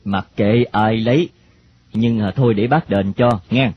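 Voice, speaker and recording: A man voicing a calm, friendly middle-aged stranger, speaking slowly and hesitantly. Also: lowish voice, breathy edge. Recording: dull lo-fi recording, faint hiss.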